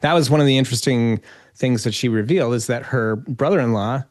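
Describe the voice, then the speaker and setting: A man's voice: mid-range voice, brisk, a little mellow, dry recording. Male political commentator as interview guest, conversational analysis, mid-range voice, very dry sound.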